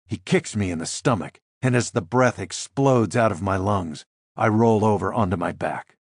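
A man narrates a first-person thriller in a tense, measured delivery. His voice sits low and has a husky, breathy grain. The recording is close and dry, with no room echo. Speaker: audiobook narrator.

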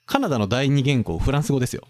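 A man of middle pitch talks through economics in a casual, explanatory way. His voice swings lively up and down as he quizzes his co-host. Soft music plays faintly underneath. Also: very fast, no room sound.

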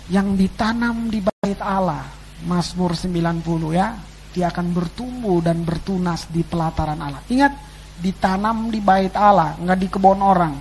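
Animated preacher, loud then hushed. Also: male voice, sits high, normal speed, rough recording. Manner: animated, swinging between loud exclamations and quiet asides; addresses the congregation as "saudara". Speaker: pastor. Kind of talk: sermon. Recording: faint background noise and hum.

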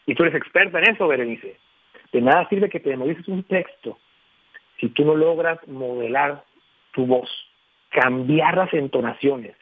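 A husky, somewhat high-pitched man speaks emphatically as a radio guest, checking in with the listener through frequent tag questions. He comes through a tinny, dry phone line. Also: no room sound. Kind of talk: phone-in radio interview, explaining. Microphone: telephone.

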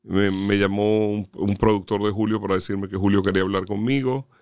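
A middle-aged man from Venezuela, a guest producer telling stories in an interview in an animated way, often restarting his sentences. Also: on the low side, fairly quick, clear, resonant tone, dry recording, clean studio sound. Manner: animated storyteller, frequent restarts. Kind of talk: conversational interview storytelling.

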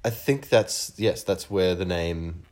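A young man talks as a musician guest in relaxed interview chat. His voice is very low. He hesitates, restarts and fills pauses often, and he laughs easily. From northern New South Wales, Australia. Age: young adult.

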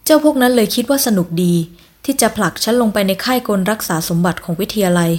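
A woman voicing a blunt young shop manager with a husky voice. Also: fairly high pitch, lively intonation, fast talker, darkish tone. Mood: bitter. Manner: serious, blunt.

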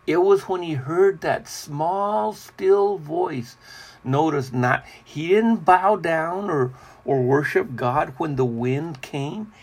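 A man preaching a devotional sermon in a slow, deliberate, repetitive cadence. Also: a little high, gravelly, husky.

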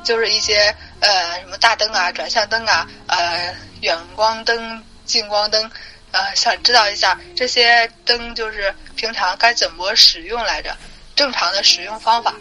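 A woman's voice: medium pitch, fairly even intonation, moderate pace, sharp tone, soft background music, rough recording. A woman listener asking a car podcast her questions, hesitant and full of fillers. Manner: hesitant, many fillers, apologetic.

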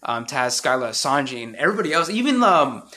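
A man's voice: mid-range voice, sing-song, fast, sharp tone. A man hosting a casual podcast chat, laid-back, often laughing and saying "bro". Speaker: podcast host.

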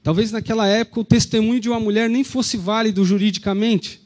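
A pastor with a Brazilian Portuguese accent preaches an Easter sermon in a high-pitched, darkish voice, keeping a steady tone and a quick pace. He retells the story and puts rhetorical questions to the congregation.

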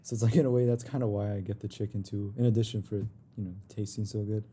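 A man's voice: fairly low pitch, steady tone, fast, warm tone, a little hiss or hum. A young man hosting a podcast in casual chat, laid-back and rambling, often saying "you know". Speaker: podcast host.

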